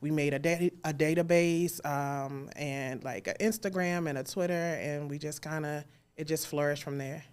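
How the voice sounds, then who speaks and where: A woman from Alexandria, Virginia, an American audio drama creator, is the guest in a casual live interview. Her low-pitched voice has fairly even intonation and a moderate pace, with a darkish, clear, resonant tone.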